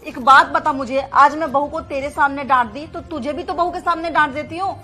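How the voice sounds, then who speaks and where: A woman in her fifties playing a stern, sharp-tongued mother-in-law who scolds her new daughter-in-law loudly, in a family drama. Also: sits high, a little fast. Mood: defiant. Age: 50s.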